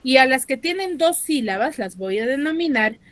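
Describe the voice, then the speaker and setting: A woman's voice: sits high, expressive. A woman teaching an online school class with a Peruvian Spanish accent, patiently explaining and checking that students follow. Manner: patient, checks understanding with tag questions, slows on key terms. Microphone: dry close mic, online class.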